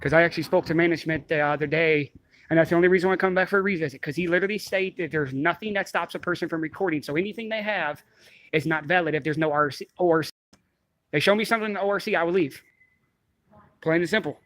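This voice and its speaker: Filming in a building lobby, a blunt, insistent person argues and comments confrontationally to the camera, repeating demands and swearing. The voice is mid-range, fast and fairly bright, with no echo.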